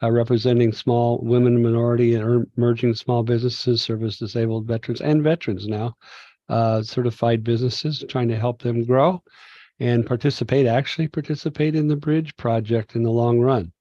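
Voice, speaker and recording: A man's voice: mid-range voice, steady tone, a little fast, dark tone, no room sound, highs cut off. A man introducing himself in a chatty, rambling way at a community advisory meeting held over a video call. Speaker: community advisory group member.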